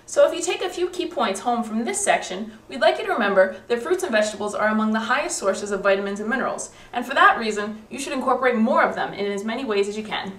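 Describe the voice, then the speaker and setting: A woman presenting a nutrition lesson in a supermarket produce aisle, explaining things clearly. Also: fairly high pitch, lively intonation, quick pace, hardly any pauses, a bit bright. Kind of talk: instructional presenting.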